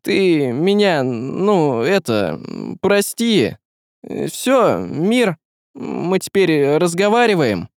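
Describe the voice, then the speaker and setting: A man voicing a brash, quick-tempered young man who speaks bluntly in modern slang. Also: high-pitched, big pitch swings, no room sound, studio quality, voice pushed up, exaggerated voice. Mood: worried.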